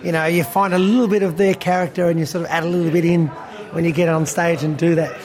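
A fast talker with a voice on the high side, little pitch movement, and a slightly mellow quality, this band musician from Australia is in his fifties. He rambles through a casual interview chat at a busy beer hall restaurant, full of fillers and laughs.

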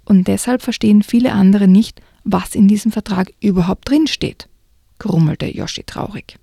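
A woman reading a children's storybook aloud on a radio programme and talking about it, with a soft, partly whispery delivery. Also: mid-range voice, normal speed, vocal fry. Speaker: book reviewer.

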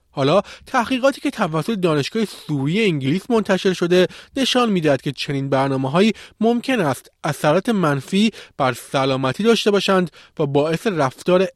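Man, slightly high pitch, scripted news reading, close dry microphone. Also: no room sound. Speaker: technology news presenter.

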